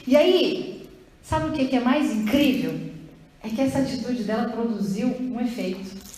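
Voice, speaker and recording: A woman pastor with a high voice preaches in a lively, conversational way and keeps putting questions to her congregation. Her voice booms through a large, very echoey church hall and is picked up from a distance. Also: normal speed. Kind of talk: sermon. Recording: booming church reverb, distant mic.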